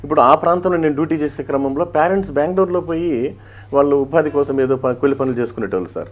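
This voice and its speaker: A man's voice: on the high side, fast. A middle-aged man with an Andhra Pradesh Telugu accent, a police head constable and mimicry artist, telling stories as an interview guest and weaving proverbs and rhymes into his answers. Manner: storytelling with proverbs and rhymes, animated shifts in voice.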